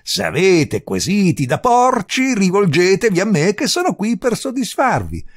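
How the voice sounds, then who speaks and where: Un uomo che interpreta un visitatore testardo e insistente, che incalza con tono alto e trionfante. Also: male voice, sits high, big pitch swings, normal speed, slightly rough, dry recording, clean studio sound, voice pushed up, heavily acted. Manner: insistent, triumphant, loud. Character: stubborn calm male visitor, insistent.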